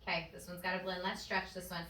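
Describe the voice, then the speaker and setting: A woman's voice: lowish voice, flat delivery, fast, very noisy. A woman teacher leading a phonics lesson with a child in a classroom, patient and encouraging. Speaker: first-grade teacher. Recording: echoey classroom audio from far off.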